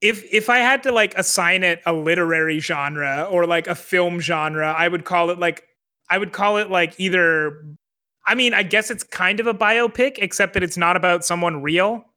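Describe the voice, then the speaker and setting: A man's voice: high-pitched, normal speed, sharp tone. A man co-hosting a film podcast, chatting casually and hesitantly, with many fillers and restarts. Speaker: podcast co-host.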